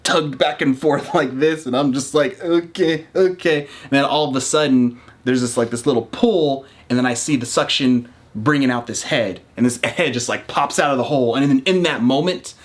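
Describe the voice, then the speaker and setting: A young man, a new father and vlogger, telling a story with animation and jumping into a higher voice to quote people. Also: moderate pace, few pauses. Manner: excitable, acts out quotes in raised voice.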